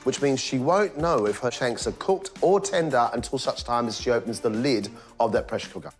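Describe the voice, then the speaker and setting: A man with a British accent, a cooking competition judge, giving measured, emphatic voice-over commentary on the dishes. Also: mid-range voice, faint music behind.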